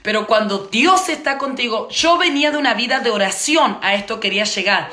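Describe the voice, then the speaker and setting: A woman preacher shares a testimony in a sermon, her voice high and bright. She tells the story vividly and repeats key phrases for emphasis. The sound carries a noticeable room echo. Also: animated, a little fast. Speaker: preacher teaching on intercession. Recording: echoey room.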